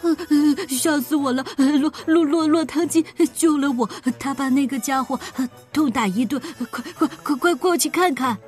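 A chubby little rooster stammers and stumbles over his words, still jittery, as a woman voices him. The voice is high, with faint music behind. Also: moderate pace, few pauses, close to an everyday voice. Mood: shaken. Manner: stammering, nervous.

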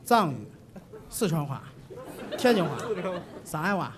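A man performing stage crosstalk comedy as the lead comic, boastful and clowning, with deliberate mispronunciations. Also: a little high, sing-song, crowd noise.

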